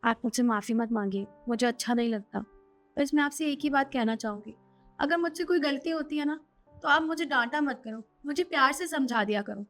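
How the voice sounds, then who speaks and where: A woman playing a soft-spoken daughter-in-law who tries to calm the family quarrel. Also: high voice, fairly quick, faint music behind. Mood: gentle. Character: gentle, meek young wife who keeps the peace. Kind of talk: short family drama acting.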